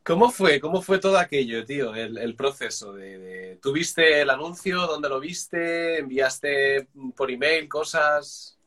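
A man, hosting a relaxed chat, asking questions and egging the guest on. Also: fairly high pitch, unhurried, hardly any pauses. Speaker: host. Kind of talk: casual interview chat.

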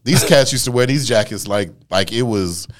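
A man co-hosting a podcast in casual chat, rambling through stories with many restarts and now and then jumping into animated high mimicry. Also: normal speed. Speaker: podcast co-host.

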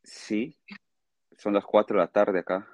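This Peruvian guest talks conversationally on a remote call as he fields interview questions, explaining in fits and starts and often seeking confirmation with a brief tag question. His voice sits on the low side with a level tone, and there is no room sound.

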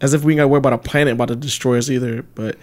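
A man's voice: mid-range voice, rapid-fire. Guy on a podcast, laughs a lot, goes big with voices when he tells a story. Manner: laughs often, retells stories with animated voices. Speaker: podcast co-host. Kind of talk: casual podcast chat.

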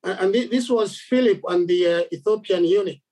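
Halting Zambian man preaching. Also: high-pitched, warm tone, rough recording. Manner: halting, many repeated words and fillers. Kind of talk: sermon.

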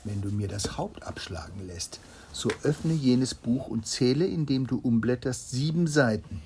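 A man reading a fairy tale aloud, voicing a calm, wise court physician with a gravelly, husky voice. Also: mid-range voice, a little slow, a little hiss or hum. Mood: solemn.

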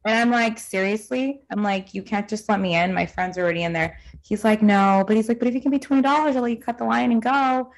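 A young woman from Southern California co-hosting a podcast, telling animated stories in casual chat with plenty of swearing and acted-out quotes. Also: fairly high pitch, quick pace, hardly any pauses, low-quality recording. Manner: animated storytelling, profane, lots of quoted dialogue. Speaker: podcast co-host.

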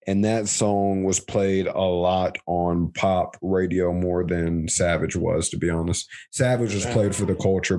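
Low mellow-voiced male podcast co-host. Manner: reasons aloud at length, competitive. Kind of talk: casual award-picks chat.

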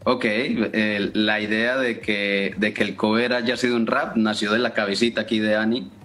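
Male church rapper, low voice, earnest, filler-heavy speech. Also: little pitch movement, moderate pace, a bit bright. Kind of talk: casual interview.

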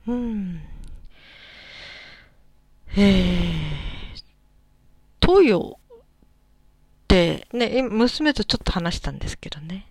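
Soft-spoken woman musing aloud. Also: mid-range voice, very animated, drawn-out words, pauses often, slightly rough, dry recording, clean studio sound. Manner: gentle, musing, many soft fillers. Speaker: solo podcast host. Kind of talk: casual solo talk.

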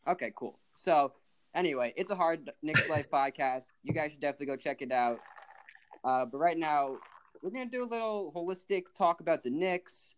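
A man's voice: on the high side, expressive, normal speed. Upbeat young man hosting a podcast. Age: 20s. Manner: upbeat, friendly interviewer. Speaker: podcast host. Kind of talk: casual podcast chat.

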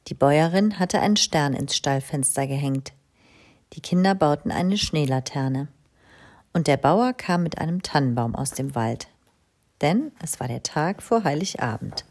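Woman reading a children's story, lively. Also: sits low. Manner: expressive, lively read-aloud.

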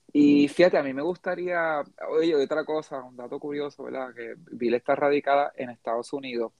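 A man's voice: mid-range voice, darkish tone, no echo. A man hosting a casual podcast interview, chatty and rambling with frequent restarts. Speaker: podcast host.

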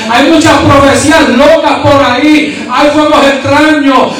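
A very high-pitched man preaches with fervor in short, repeated, exclamatory bursts. His voice comes from far off the microphone and echoes heavily around a large church. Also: fairly bright tone. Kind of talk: sermon and prayer.

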